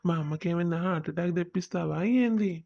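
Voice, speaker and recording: A woman voicing a cheating young village husband in an animated drama, defensive and dismissive. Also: on the low side, fast, vocal fry. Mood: annoyed. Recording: dull lo-fi audio.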